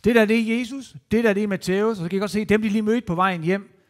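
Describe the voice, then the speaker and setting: High-voiced man telling a lively story. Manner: lively, animated and playful. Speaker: children's entertainer. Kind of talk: storytelling to children. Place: church.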